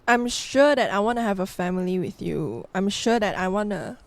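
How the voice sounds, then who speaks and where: A woman, a soft-spoken, giggly guest in a casual podcast chat. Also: mid-range voice, expressive, moderate pace, dry recording. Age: 20s.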